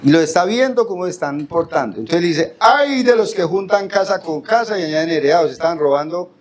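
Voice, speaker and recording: A man's voice: fairly high pitch, expressive, a little fast. A man with a Colombian accent preaching a Bible study, reading verses aloud and putting questions to the congregation. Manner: asks the congregation questions and answers them; reads verses aloud, drawing out key words. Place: church hall.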